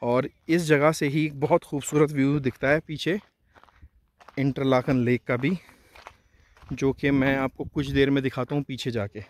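A travel vlogger, winded from the hike, speaks unhurriedly in a mid-range voice with little pitch movement. He chats to viewers and points out views on a mountain, then in a restaurant on a hilltop.

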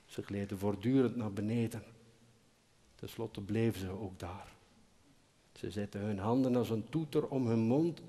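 A man reads a story aloud on a concert stage, taking his time over every phrase. His mellow voice sinks to near-whispers and swells into loud outbursts, and each word trails off into the long reverb of the hall. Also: on the low side. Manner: slow, expressive, swings between loud outbursts and near-whispers. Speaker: narrator. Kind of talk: dramatic recitation over chamber music. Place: concert hall, live performance.

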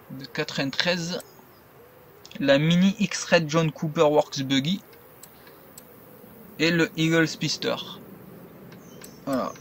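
A man's voice: a little high, vocal fry, fairly bright tone, slight background noise. A man giving loose, rambling commentary over his gameplay as a gaming video creator.

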